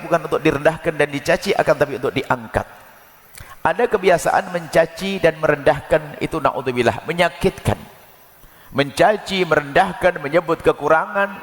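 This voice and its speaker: A man preaching a sermon in a lively, folksy way, with jokes and small acted-out scenes. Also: a little high, big-room sound.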